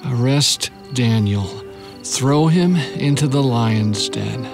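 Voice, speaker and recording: A man's voice: medium pitch, takes it slowly, gravelly, over music. An actor playing a vain but kindhearted ancient king, regal and hesitant, in a theatrical Bible drama. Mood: bitter, resigned.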